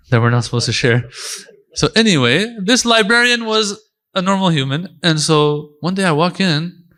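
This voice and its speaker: A man's voice: medium pitch, a bit bright. A middle-aged man gives a religious lecture at a conference. His delivery is loose and conversational, full of jokes and slangy asides. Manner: informal, joking, slangy asides. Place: lecture hall.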